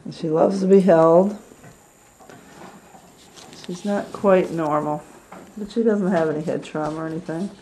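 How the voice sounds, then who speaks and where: A woman who rehabilitates squirrels, chatting gently on a casual video tour of an indoor room full of cages, recorded on a handheld camera mic. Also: lowish voice, steady tone, unhurried, pauses often, a little hiss or hum, poor audio. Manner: gentle, chatty, coos at animals.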